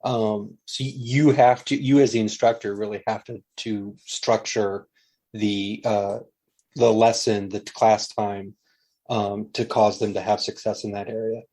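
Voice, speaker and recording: A man's voice: on the low side, little pitch movement, measured pace, darkish tone. A middle-aged man, a linguistics professor, answering interview questions in a thoughtful, conversational way with frequent fillers and restarts.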